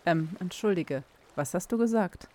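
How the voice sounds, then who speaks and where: A woman voicing an earnest young man in an audiobook, stammering and pleading, quick to anger. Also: lowish voice, expressive, dark tone, natural voice. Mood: uneasy.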